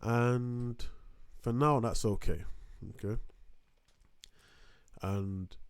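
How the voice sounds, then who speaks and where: Medium in pitch and fairly even in intonation, this young man draws out his words, and his voice sounds clean with no echo. Teaching beat-making in a loose screen recording, he rambles, leans on fillers, interrupts himself, and occasionally drifts off the desk microphone.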